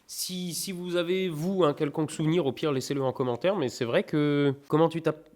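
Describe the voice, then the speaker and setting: Host, young man from France, reading fan mail on his channel; relaxed, offhand chatter that turns theatrical on the letters. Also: a little high, fairly quick. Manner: reads letters in a raised theatrical voice, chats offhand between them. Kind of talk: casual chat reading letters aloud.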